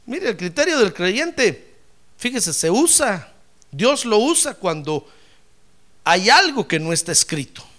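A man with a high-sitting voice preaches a sermon slowly but animatedly. He uses rhetorical questions and humor, breaking into loud exclamations of praise.

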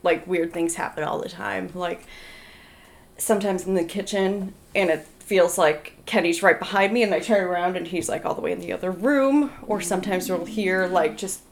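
A woman's voice: lowish voice, moderate pace. A young adult woman, a podcast guest, earnestly telling stories in casual chat with many fillers. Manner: earnest, filler-heavy storytelling.

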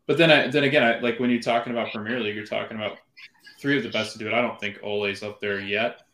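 A man's voice: lowish voice, steady tone, fast, a bit bright. A man in a casual sports chat, giving loose, rambling opinions with many fillers. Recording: roomy echo.

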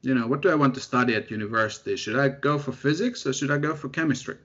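A young Finnish man, a guest researcher, chats casually in an interview, easygoing and self-deprecating, pausing often with fillers. His middle-pitched voice is a bit bright. The recording comes across as somewhat dull and lo-fi.

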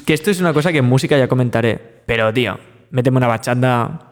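A man's voice: mid-range voice, fast talker. Man chatting about films in a roomy space. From Latin America. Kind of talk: casual film review chat. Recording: roomy reverb.

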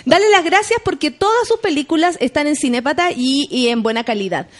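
A woman's voice: high voice, lively intonation, a little fast. Chatty woman radio host. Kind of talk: casual radio chat.

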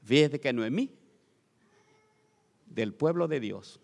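A man from Honduras preaching a lively sermon as pastor, calling out to the congregation with joking asides. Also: medium pitch, slow, creaky, in a large hall.

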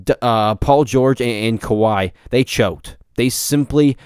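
Young male podcast host, smooth voice, dry close sound, opinionated and repetitive. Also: mid-range voice, measured pace, a little mellow, dry recording. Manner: opinionated, repetitive, stumbles over words. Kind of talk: solo sports podcast rant.

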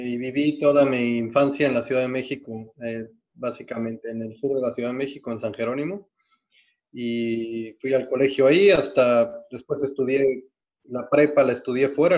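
Mexican man, mid-pitched, steady and methodical, frequent restarts, dull lo-fi sound; podcast guest. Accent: Mexican Spanish. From Mexico City. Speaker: guest, hospital executive. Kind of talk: podcast interview, recounting career.

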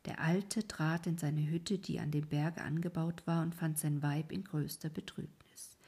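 A woman narrating an old fairy tale in a soft, hushed, mostly whispered storytelling voice. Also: sits low, fairly even intonation, a little slow, slightly rough.

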